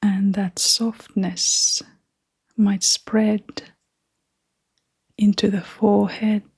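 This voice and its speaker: A woman leads a guided meditation with a level tone at medium pitch. Her voice is soft, breathy, and half-whispered, and her phrasing is gentle and unhurried.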